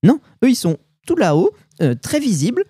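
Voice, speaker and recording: A man's voice: extremely high pitch, normal speed, slightly rough, no echo, clean studio sound. A young French man with a French accent, co-hosting a podcast and telling travel stories in casual chat, full of slang and fillers. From France. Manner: animated storytelling with slang and fillers. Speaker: podcast co-host.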